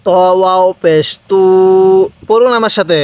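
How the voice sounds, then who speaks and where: A man teaching Quran reading, slowly and deliberately drawing out syllables for learners to repeat after him. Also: sits high, dry recording. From Bangladesh. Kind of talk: recitation lesson, repeat-after-me drill.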